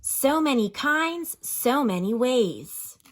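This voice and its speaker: An elementary school teacher reads a picture book aloud in a high-pitched, expressive voice at a slow pace. She pauses now and then to explain words and ask questions, keeping things instructive.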